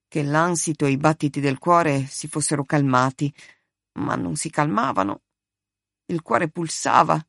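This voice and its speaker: A woman reading a novel aloud as narrator, steady and measured. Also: lowish voice, creaky, dry recording, clean studio sound.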